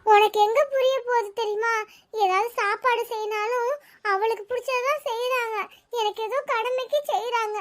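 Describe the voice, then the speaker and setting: A woman's voice: very high voice, fairly even intonation, moderate pace. A mopey, jealous schoolgirl. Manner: mopey, complaining. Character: sulky, jealous older-sister schoolgirl. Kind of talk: cartoon voice acting.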